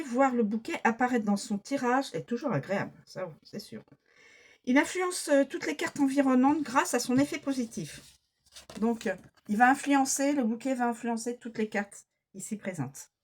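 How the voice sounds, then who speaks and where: A woman giving an unscripted card reading to her viewers. She coughs often from a frog in her throat, talks in a slow, halting way and repeats the card names as she reads their meanings. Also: fairly high pitch, lively intonation. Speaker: card reader.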